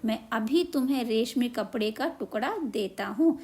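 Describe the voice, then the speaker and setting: A woman's voice: a little high, lively intonation, normal speed, a little mellow, natural voice. A woman playing a dismissive male cloth seller in a storybook. He brushes people off with scorn. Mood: fearful. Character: gruff male cloth shopkeeper, dismissive then scared.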